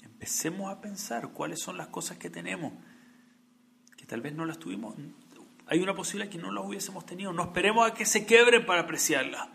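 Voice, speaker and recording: Guy preaching a torah sermon, bright edgy voice, gets loud then goes quiet. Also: high voice, fairly quick, gravelly, slight background noise. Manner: earnest, builds to emphatic peaks then drops to soft. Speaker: rabbi.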